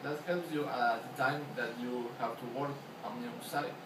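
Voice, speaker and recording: A young man with an Ecuadorian accent talks through his answers in an interview, hesitating with fillers and restarting his sentences. He is heard from across an echoey room. Steady background noise sits under his voice. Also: mid-range voice. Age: young adult. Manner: halting, many fillers and restarts. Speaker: student interviewee. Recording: echoey, distant mic, noisy background.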